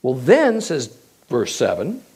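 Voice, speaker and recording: A man giving a verse-by-verse Bible teaching, reading the passage aloud and then explaining it with emphatic, drawn-out phrasing. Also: mid-range voice, breathy edge. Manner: expressive, emphatic delivery with drawn-out pauses.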